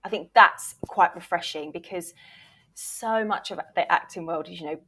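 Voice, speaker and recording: A lowish, fairly bright female voice speaks at normal speed, with a little hiss or hum in the audio. She's an interview guest who produces voice reels and used to be a voiceover agent, explaining conversationally and emphatically while often voicing questions actors might ask her.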